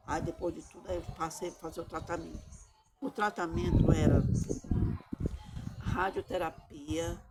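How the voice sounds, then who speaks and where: A shy middle-aged woman giving a personal testimony, talking haltingly and often adding tag questions. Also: fairly low pitch, noisy background. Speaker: testimony giver.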